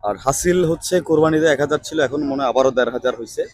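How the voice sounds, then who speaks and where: Man, slightly breathy tone, dry close sound, walking vlog at a cattle market. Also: a little high, dry recording. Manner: talks slowly and softly on purpose. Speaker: market vlogger host. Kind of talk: walking vlog, bargaining and addressing viewers.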